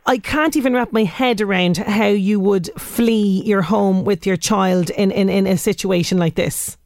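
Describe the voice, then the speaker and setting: A woman's voice: medium pitch, a little slow, a little mellow, no echo. A woman with an Irish accent, presenting and interviewing as a radio host. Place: radio studio.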